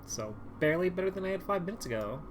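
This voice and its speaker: A woman's voice: fairly low pitch, expressive, quick pace, slight background noise. A woman streamer reading a dating game aloud in a dramatic way, full of sarcastic, wry asides and exaggerated outbursts. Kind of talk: dramatic game read-through.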